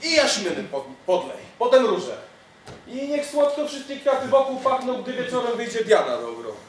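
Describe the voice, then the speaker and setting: A man's voice: very high-pitched, big pitch swings, normal speed, slight background noise. A student actor playing a grey-haired, scheming old father-in-law in a stage comedy, giving orders, recorded from far off on an echoey stage. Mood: bossy. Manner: bossy, orders people about.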